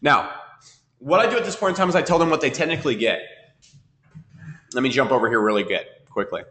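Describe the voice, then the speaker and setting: Expressive and a bit bright, this medium-pitched male marketing trainer runs a webinar at a fast clip. He has a cold and keeps sniffling, repeats himself, and keeps asking "okay?"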